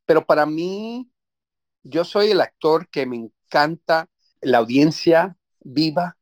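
A man's voice: fairly high pitch, slow pace, no echo. A middle-aged man from Puerto Rico with a Puerto Rican Spanish accent, a stage actor answering interview questions, telling his story reflectively with many restarts.

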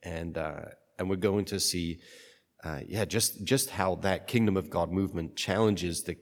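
Male priest, deep register, reflective liturgical and homily delivery, long cathedral-style reverb around every phrase. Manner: reflective, halting, thinking aloud. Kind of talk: liturgical Gospel reading and unscripted homily. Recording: long cathedral-like echo of a large space.

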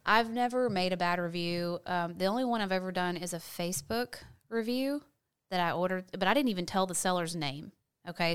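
A woman's voice: fairly low pitch, smooth. A woman chatting casually to viewers like a video blogger telling a story, gossipy and candid, stressing points by repeating words.

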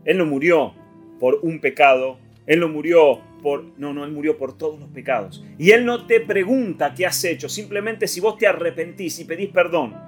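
A man with a Rioplatense Spanish accent preaching an Easter sermon, swinging from loud declarations to hushed lines. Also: fairly high pitch, normal speed. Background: soft guitar music.

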